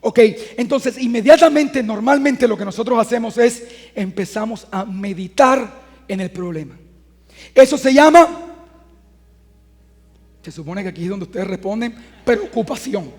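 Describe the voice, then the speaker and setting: A man in his thirties delivers a sermon with a strikingly high-pitched voice. He moves from a chatty, storytelling tone into loud, emphatic stretches. The sound rings with the long reverb of a big hall. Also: moderate pace, pauses often. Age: 30s. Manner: conversational preaching that swells into loud emphatic passages. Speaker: pastor.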